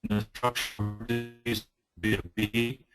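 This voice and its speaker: A man's voice: mid-range voice, little pitch movement, unhurried, music in the background. A man dialing into a conference call whose connection keeps cutting out and breaking up, asking short, direct questions. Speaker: remote caller on a conference call. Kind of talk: casual meeting discussion.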